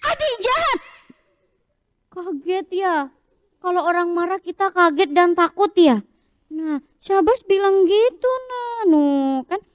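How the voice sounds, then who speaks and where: A high-voiced woman tells a story to little children, unhurried and animated, stopping often to ask them questions. The sound is dry and close. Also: dry recording. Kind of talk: interactive storytelling for young children.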